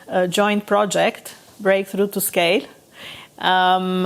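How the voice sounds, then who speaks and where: Halting woman hosting a podcast. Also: mid-range voice. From Romania. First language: Romanian. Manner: halting, many fillers and restarts. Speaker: podcast host, company founder. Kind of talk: casual podcast conversation.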